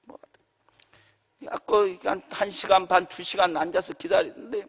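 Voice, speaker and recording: A middle-aged man preaching as a pastor, retelling a story with heat and at times shouting. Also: high voice, fairly even intonation, normal speed, breathy edge. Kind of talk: sermon storytelling. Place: church sanctuary. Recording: long hall reverb.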